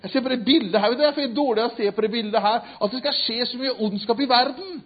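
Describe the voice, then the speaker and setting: A man preaching and retelling a story, swinging from loud emphatic cries to hushed, quiet tones. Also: very high voice. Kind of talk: sermon storytelling. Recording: tinny phone-like sound.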